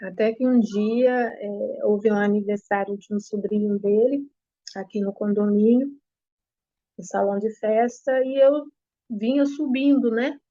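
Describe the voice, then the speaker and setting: Woman, Brazilian Portuguese accent, personal testimony, emotional, halting, repetitive, dry close sound, slightly lo-fi. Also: medium pitch, mellow, no echo. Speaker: interviewee giving testimony. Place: apartment at home.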